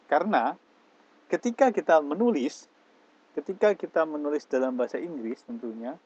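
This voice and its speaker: A man's voice: on the high side, normal speed, a little mellow, husky, dull audio. A man teaching English, explaining step by step and mixing English phrases into his lecture. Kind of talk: classroom lecture.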